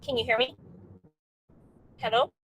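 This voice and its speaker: A woman's voice: a little high, steady tone, measured pace, slight background noise, low-quality recording. A woman real estate agent speaking on a video call, her words breaking up and cutting off as the connection drops. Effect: choppy video-call connection, words cutting out. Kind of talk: casual panel discussion.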